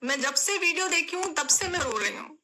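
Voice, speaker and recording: A young woman makes a tearful, pleading statement to camera in her vlog. Her voice sits high and very bright, and she repeats phrases over and over as it breaks. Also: animated, brisk. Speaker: vlogger.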